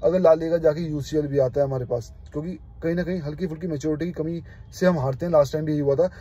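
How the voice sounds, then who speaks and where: Young guy from india ranting about his team in a vlog, kinda husky, mellow tone, fired up. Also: a little high, fast talker, lo-fi sound. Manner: passionate, emphatic, keeps saying "brother". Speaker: football fan channel host. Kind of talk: casual opinion vlog.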